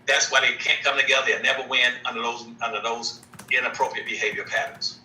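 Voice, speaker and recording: A man lectures with force and drives his points home by repeating them. His tone is sharp and bright. He sounds distant from the mic, in a roomy, echoing space. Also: mid-range voice, fairly even intonation, fast. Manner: forceful, repeats key phrases. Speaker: guest. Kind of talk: emphatic lecturing.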